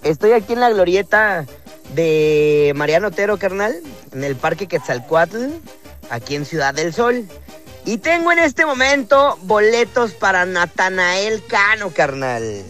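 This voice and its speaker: A man's voice: high-pitched, animated, unhurried, a bit bright, faint music behind. A man in his twenties with a Mexican accent, reporting live for the radio from the street, teasing his co-host and laughing often. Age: 20s.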